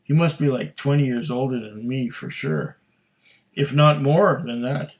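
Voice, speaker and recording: A man's voice: medium pitch, measured pace. Rambling middle-aged man reviewing whisky. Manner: rambling, chatty, restarts often. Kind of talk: casual tasting chat.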